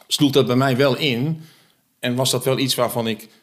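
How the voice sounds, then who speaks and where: A man talking in a reflective, hesitant way about faith in a casual conversation, with many pauses and fillers. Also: medium pitch, steady tone.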